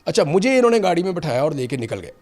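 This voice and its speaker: A man's voice: fairly high pitch, sing-song, darkish tone. A middle-aged man telling his own story to an interviewer, earnest and vivid, his intensity rising and falling. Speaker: interview guest. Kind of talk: personal account in conversation.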